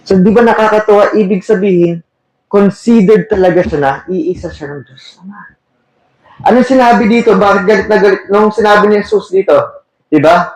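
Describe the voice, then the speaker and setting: A man's voice: sits high, fairly quick. A man preaching a sermon, reading verses and asking his listeners questions, mixing English terms into his talk. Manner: asks the audience questions, switches between Tagalog and English terms. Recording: echoey room.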